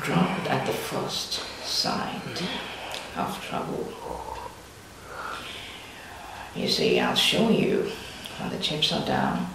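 A man's voice: medium pitch, huge pitch swings, exaggerated voice. A man acting as a taunting, theatrical, deranged clown criminal in a crime drama, drawing out words erratically. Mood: sinister, persuasive. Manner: drawn-out, taunting, erratic, breathy drops to near-whisper. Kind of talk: dramatic villain monologue in interrogation. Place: small dim bare room, seated. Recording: very echoey, distant, noisy fake old tape.

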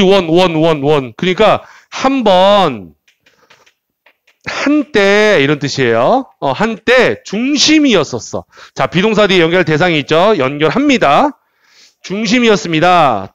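A man teaching English at the board, with a lively voice that jumps up and down and sits fairly high. He repeats key words and keeps firing questions at the class. The sound is close and dry, with almost no room echo. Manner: animated, repeats words and asks rhetorical questions. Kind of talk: classroom lecture.

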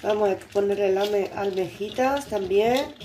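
A woman's voice: mid-range voice, normal speed, mellow, faint music behind. A woman, co-host of a home cooking show, chatting casually and using fond diminutives as she cooks.

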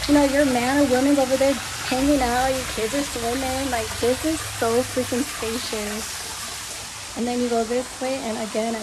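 A young travel vlogger with a fairly high voice gushes enthusiastically through a casual tour of villa rooms and out onto an open terrace, filming on a handheld phone. Steady background noise runs beneath her voice throughout.

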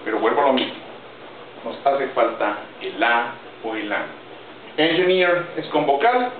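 A man teaching English grammar in Spanish, slow and deliberate, spelling out each example word by word. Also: medium pitch, animated. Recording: roomy, distant, phone-like audio with faint noise.

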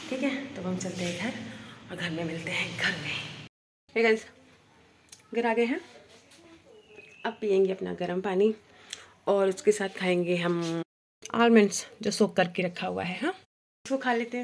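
Woman in her 30s doing a chatty daily vlog, talks right to the viewers, bit of hiss behind. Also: medium pitch. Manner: chatty, addresses viewers directly. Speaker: vlogger. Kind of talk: casual daily vlog narration.

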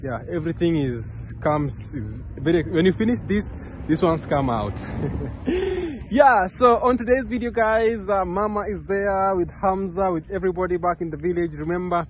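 Holding his phone camera close, a young man from Kenya vlogs while walking on a park path next to a road. His voice is high-pitched with lively intonation and a moderate pace, and his earnest, casual talk wanders with frequent restarts and fillers, with a little hiss or hum in the audio.

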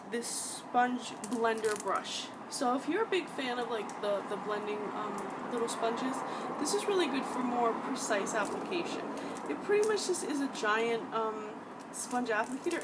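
A young woman chats eagerly about makeup on a webcam, filling her talk with ums and restarts. Her voice sits a little high and comes from a short distance away. Steady loud noise hums behind her. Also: measured pace. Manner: chatty, enthusiastic, frequent ums and restarts. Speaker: beauty vlogger. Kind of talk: product review vlog. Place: bedroom. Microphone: webcam at desk distance.

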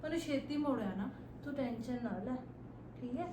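A woman's voice: high voice, brisk, echoey room, background noise. A woman in an amateur short-film drama, speaking in a coaxing, affectionate, teasing way. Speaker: sister-in-law in a short film.

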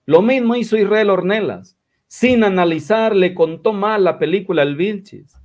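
A man's voice: high-pitched, moderate pace, a little mellow. Combative man. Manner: combative, mocking, quotes others in exaggerated voices. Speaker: commentator replying to critics. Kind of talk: religious commentary video.

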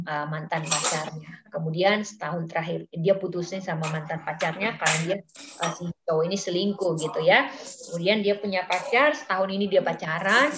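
A middle-aged woman giving an informal psychology lecture, chatty and full of fillers, acting out quoted exchanges. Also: on the low side. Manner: chatty, many fillers, acts out quoted dialogue. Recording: slightly dull lo-fi audio.

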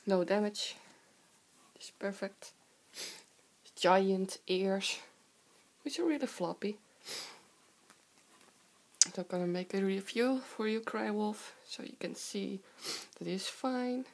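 A young woman with a hoarse, sore-throat voice from a cold, chatting casually in a halting, giggly way as she hosts a show-and-tell vlog. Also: mid-range voice, a little mellow. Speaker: video host. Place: indoor room with wooden floor. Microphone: handheld camera close by.

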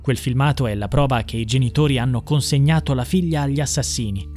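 A man narrating a true crime case in a scripted, measured and even reading. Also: medium pitch, soft background music.

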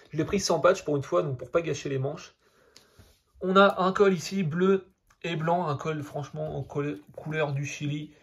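A young man with a French accent reviewing a football jersey in a casual vlog, rambling and filling nearly every phrase with hesitations. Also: a little high. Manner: rambling, fills every phrase with "donc" and "euh".

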